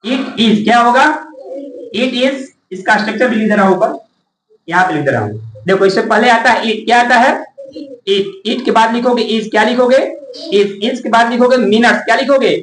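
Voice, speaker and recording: A man teaching a class, constantly asking questions back and spelling words out slowly. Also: very high voice, animated, a bit bright, slight background noise. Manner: asks the class rhetorical questions and repeats answers; spells words letter by letter slowly, calls out key words. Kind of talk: classroom lesson. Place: classroom with students. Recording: echoey room, voice from far off the mic.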